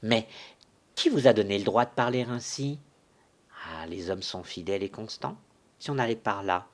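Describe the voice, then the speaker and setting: A man reading a haughty young widow. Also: on the low side. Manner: soft, lamenting, turning haughty and indignant. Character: proud grieving young widow, haughty and easily offended. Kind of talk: solo dramatic reading of a stage farce.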